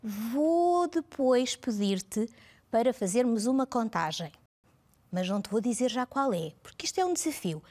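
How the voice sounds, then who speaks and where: A woman with a European Portuguese accent teaching young children on screen, animated and sing-song, drawing out each syllable. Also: on the high side, moderate pace. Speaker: primary school teacher. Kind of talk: televised lesson for young children.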